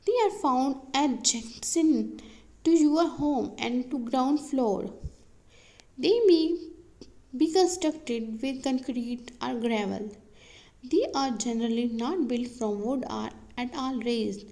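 Woman reading out a how-to list, bit high-pitched, trips on words now and then. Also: slow, warm tone, poor audio. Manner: reads questions and answers like a list, with some slips and restarts. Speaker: narrator. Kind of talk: read-aloud explainer narration.

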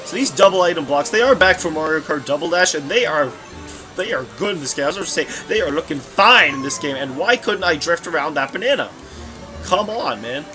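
A man's voice: fairly high pitch, lively intonation, a little fast, sharp tone. A young man giving casual, rambling commentary while playing a racing game, often correcting himself mid-sentence. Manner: rambling, scatterbrained, self-correcting. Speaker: let's play commentator. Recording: game music playing behind.

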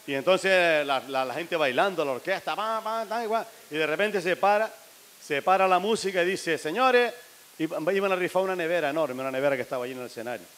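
A man's voice: a little high, fast talker, fairly bright tone. A man telling a string of jokes to a live audience, acting out the characters' lines. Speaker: stand-up comedian.

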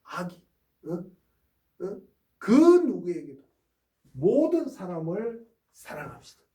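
Male history lecturer, emphatic and questioning; high-pitched and mellow, heard from a distance. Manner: emphatic, prods listeners with rhetorical "eh?". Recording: roomy sound from a distant mic.

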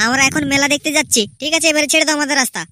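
An indebted young husband in a cartoon comedy, played by a woman, talking in a high, insistent voice. His tone is bright and sharp, and he keeps his words defensive and indignant. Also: steady tone, rapid-fire, dry recording.

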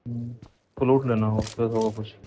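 Man teammate on voice chat, mid-pitched, relaxed callouts, noticeable background noise. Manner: relaxed, quick tactical callouts. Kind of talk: casual gaming voice chat.

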